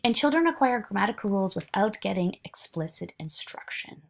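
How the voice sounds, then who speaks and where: A woman's voice: medium pitch, sing-song, fairly quick, gravelly. A woman lecturing informally to her students, with frequent fillers and restarts. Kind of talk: recorded online lecture.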